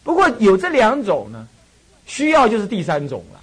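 A man's voice: high-pitched, wildly swooping pitch, normal speed, breathy edge. A Buddhist monk and temple abbot with a Taiwanese Mandarin accent, giving a dharma talk full of personal stories, repeating phrases and chuckling as he tells them.

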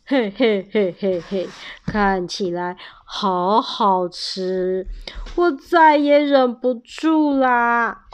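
A woman voicing a big, gruff male tyrannosaurus who is fierce but protective, speaking sternly in a storybook reading. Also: mid-range voice, drawn-out words. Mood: greedy.

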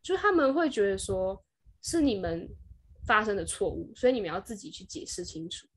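A young woman with a Taiwanese Mandarin accent, co-hosting a podcast and telling a story in an animated way, briefly acting out the people in it. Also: medium pitch, brisk. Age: young adult. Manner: animated storyteller who briefly acts out kids and parents. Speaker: podcast co-host. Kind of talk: casual chat.

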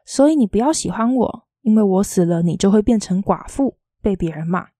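A woman's voice: mid-range voice, expressive, fairly quick, mellow, dry recording, studio quality, close to an everyday voice. A woman reading as a fierce, blunt teenage girl. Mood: teasing, sad. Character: fierce, blunt teenage city girl, secretly gravely ill.

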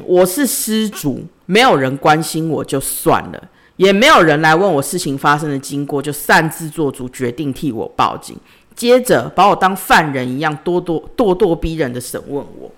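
A woman, hosting a podcast and telling a personal story in a conversational way, retelling the dialogue in her own voice. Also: low voice. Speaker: podcast host.

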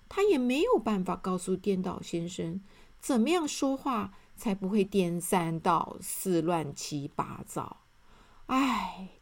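A woman with a medium-pitched voice reads a children's storybook aloud, speaking gently and talking directly to her young listeners.

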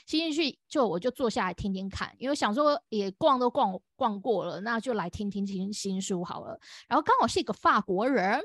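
A young woman with a Taiwanese Mandarin accent, co-hosting a podcast and telling a story in an animated way, laughing often. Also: mid-range voice, fairly quick, hardly any pauses, no room sound, clean studio sound. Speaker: podcast co-host. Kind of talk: casual chat.

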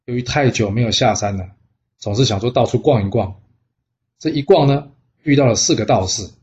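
A man's voice: mid-range voice, fairly quick, a little mellow, highs cut off. A man narrating a classic tale in a chatty way, asking rhetorical questions as he goes. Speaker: storyteller. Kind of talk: storytelling narration.

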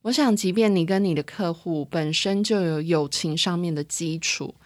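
A Taiwanese woman chats alone as a podcast host, thinking things through as she explains. Her voice sits on the low side and comes through a face mask, so it is slightly muffled with audible, slightly winded breathing. The sound is very dry and close to the microphone. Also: normal speed, no room sound. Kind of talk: casual solo podcast monologue.

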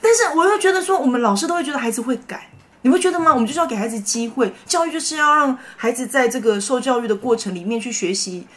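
Taiwanese woman, middle-aged, teacher co-host; bright-toned animated storyteller, laughs a lot, sits a little high. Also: fast. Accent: Taiwanese Mandarin. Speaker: podcast co-host, teacher and mother. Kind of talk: casual chat.

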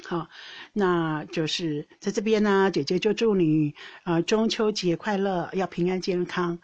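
A woman's voice: on the low side, a little slow, a little mellow, dull audio. A woman hosting a podcast, telling a personal story in a rambling, casual way with frequent laughs and restarts. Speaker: podcast host; older sister co-hosting with her sister. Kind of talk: casual chat.

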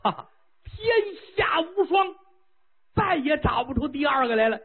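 A man voicing a sly old chancellor who speaks low, calm and drawn-out to soothe an impatient king. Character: sly, unhurried old chancellor, fortune-teller. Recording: tinny lo-fi phone-like sound.

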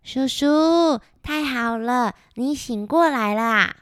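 A woman voicing a polite, kind little boy grasshopper in a children's picture-book reading, speaking gently. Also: high-pitched, slow pace, smooth, no room sound, studio quality, voice pushed up. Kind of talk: picture-book read-aloud.

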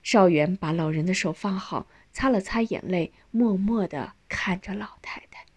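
A woman narrating a family story in measured audiobook style. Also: medium pitch, husky.

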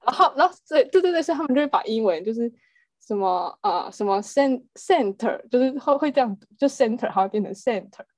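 A woman's voice: on the high side, animated, fast talker, dry recording. A woman co-hosting a podcast, explaining things thoughtfully in casual chat. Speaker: podcast co-host.

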